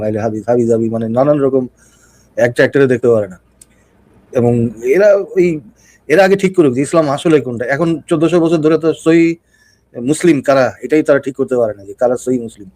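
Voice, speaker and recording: A man's voice: mid-range voice, fairly quick, warm tone, no echo. A man joining a live stream as a guest, chatting casually and colloquially with frequent laughter. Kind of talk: casual chat.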